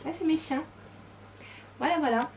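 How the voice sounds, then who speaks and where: A woman's voice: high voice, moderate pace, creaky, recorded from a distance. Woman, casual home vlog, chatty and coaxing, set back from the mic, noisy room. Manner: chatty, coaxing her dogs between remarks. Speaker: scrapbooking vlogger. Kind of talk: casual chat to camera. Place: her craft room at home. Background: dogs moving about.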